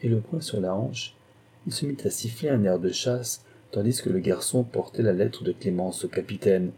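A male audiobook narrator reading a classic novel in a measured, steady way. His voice is low and very dark, with a husky texture.

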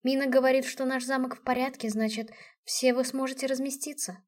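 A gentle, loving mother, voiced by a woman reading a storybook. She speaks softly and soothingly, fairly high and quiet. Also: level tone, a little fast, recorded from a distance, close to an everyday voice. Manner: soft, soothing.

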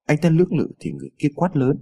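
A man narrating an audio story in a dramatic, expressive reading. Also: a little high, fast, vocal fry.

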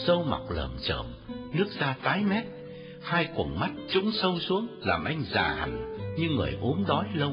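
A man narrating a story with a very expressive, varied delivery. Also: mid-range voice. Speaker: audiobook narrator. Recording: dull lo-fi audio with faint music.

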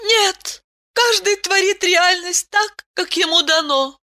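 A woman reading an audiobook, voicing a tender, teasing otherworldly young wife who coos softly and playfully. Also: extremely high pitch, slow, pitched above the performer's own voice, heavily acted. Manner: soft cooing, playful.

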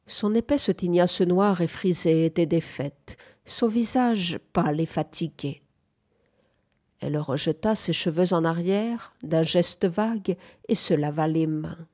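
A woman narrating a literary novel as an audiobook in a measured, even storytelling manner. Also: fairly low pitch.

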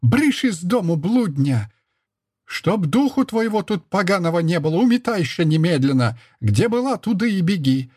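A man's voice: sits high, very animated, normal speed, darkish tone, breathy edge, no room sound, clean studio sound, voice pushed up, full character voice. Man doing a shrieking lisping old peasant woman. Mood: scornful. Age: older. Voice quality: lisping, village dialect speech.

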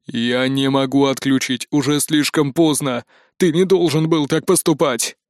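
A man voicing a tired, disillusioned male artificial intelligence who speaks slowly and flatly in an audiobook. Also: no room sound, clean studio sound, natural voice. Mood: pleading. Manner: slow, low and tired. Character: weary disillusioned male AI, cold and resigned.

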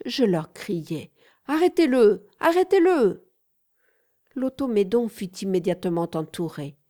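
A woman narrating an audiobook in a measured, clear reading voice. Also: fairly low pitch, mellow.

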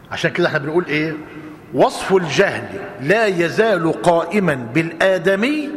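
High-voiced Egyptian sheikh teaching in a hall. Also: male voice, fairly bright tone. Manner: repeats each point slowly for dictation, quizzes listeners. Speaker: Islamic jurisprudence teacher. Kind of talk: classroom lecture. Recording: long hall reverb.

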